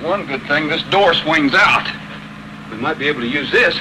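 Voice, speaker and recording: An actor playing a steady, resourceful western hero in a 1940s film, plain-spoken and reassuring. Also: male voice, fairly high pitch, normal speed, background noise, natural voice. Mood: practical, resolute. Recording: old 1940s film soundtrack with music.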